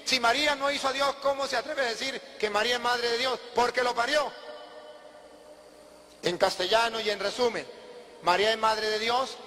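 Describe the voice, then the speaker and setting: Emphatic high-voiced male preacher. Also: fairly even intonation, moderate pace, bright, forceful tone. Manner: emphatic, asks questions and answers them himself. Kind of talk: sermon. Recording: long hall reverb.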